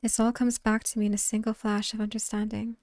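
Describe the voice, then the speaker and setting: Woman streamer reading a dark story aloud. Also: on the high side, level tone, quick pace, no room sound. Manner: quiet, tense first-person narration, dropping to whispers. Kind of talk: dramatic reading of a story game.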